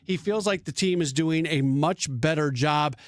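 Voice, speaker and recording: A man's voice: a little high, a little slow, no echo, studio quality. A man hosting sports radio talk, thinking aloud with frequent restarts and fillers.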